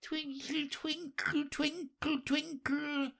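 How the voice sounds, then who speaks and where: The Dormouse, tiny hoarse and sleepy. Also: male voice, extremely high pitch, sing-song, slow pace, voice pushed up, full character voice. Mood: drowsy. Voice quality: hoarse, feeble. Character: sleepy little male dormouse.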